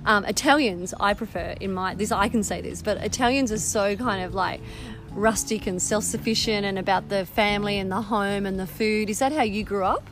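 A woman's voice: mid-range voice, a little fast, background noise. A woman hosting a podcast interview, chatty and enthusiastic, often jumping in on her guest. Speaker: podcast host.

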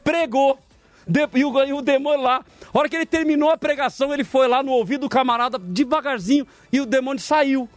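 A man, a pastor hosting a debate show, telling stories and exhorting listeners in an animated, emphatic preaching style. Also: very high voice, quick pace, dry recording.

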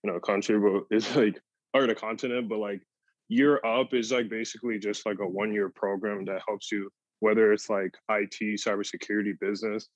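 A young man speaking as a podcast guest in casual chat, relaxed and full of "like" and "um". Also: lowish voice, no echo. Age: young adult. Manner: relaxed, lots of "like" and "um". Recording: dull lo-fi dry sound.

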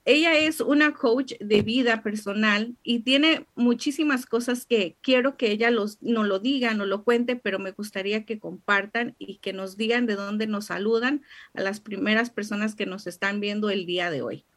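A woman's voice: mid-range voice, moderate pace. A woman hosting a podcast interview, giving effusive, heartfelt introductions to her guest. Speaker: podcast host.

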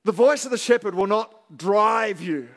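Emphatic man preaching a sermon. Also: sits high. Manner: emphatic, pausing after each phrase. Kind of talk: sermon delivered in short phrases for live interpretation.

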